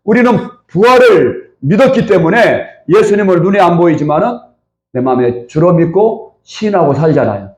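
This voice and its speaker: A male senior pastor with a high, darkish, animated voice preaches a Sunday sermon at a moderate pace. The church sanctuary gives it a roomy echo as he poses rhetorical questions to the congregation and calls out for amens.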